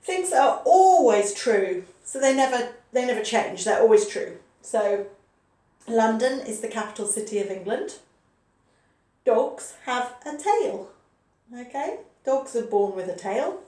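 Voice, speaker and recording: A woman's voice: a little high, expressive, measured pace, dark tone. A woman in her forties teaching a recorded grammar lesson, patient and repeating key points with a frequent "okay". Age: 40s. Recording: echoey room, voice a bit far from the mic.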